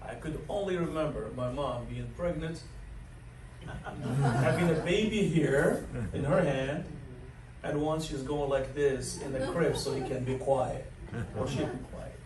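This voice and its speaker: Crowd noise surrounds this interview, in which a Moroccan dining director in his sixties describes his life at a measured pace in a mid-range voice. His storytelling rambles, with lots of fillers and regular chuckles, and the distant recording in the large learning center room sounds echoey with faint noise.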